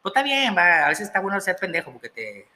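A man's voice: high voice, huge pitch swings, fast, pushed and bright, a little hiss or hum. A young man with a Mexican accent telling a story in casual, profane, slang-heavy chat and laughing as he goes.

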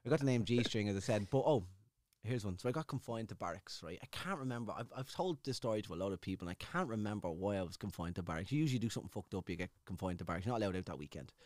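A man's voice: on the low side, expressive, very fast, darkish tone, no room sound, clean studio sound. A man with an Irish accent chatting casually, rambling and swearing freely as he tells stories. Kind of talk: casual chat.

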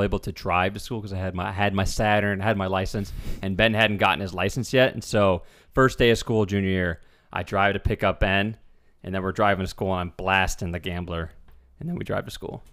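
A man's voice: lowish voice, fairly bright tone, clear, resonant tone. A young man co-hosting a podcast, telling stories in loose casual chat and laughing easily. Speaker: podcast co-host.

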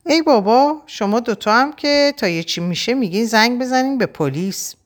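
A woman's voice: medium pitch, lively intonation, clean tone, voice pushed up, natural voice. A woman voicing a menacing, abusive young man who snarls and taunts in an audiobook story. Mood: mocking.

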